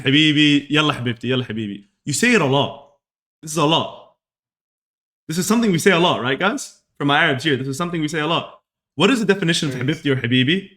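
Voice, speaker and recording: A man's voice: on the high side, a bit bright. A young man from Saudi Arabia talking earnestly and repetitively to his live chat as a streaming podcast host. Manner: earnest, repetitive, self-reflective. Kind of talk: casual monologue to live chat.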